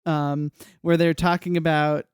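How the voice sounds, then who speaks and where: A man with a high, smooth, clear voice co-hosts a casual podcast chat. He jokes and hammers his points with animated emphasis, close-miked in a dry room. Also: measured pace, dry recording. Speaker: podcast co-host.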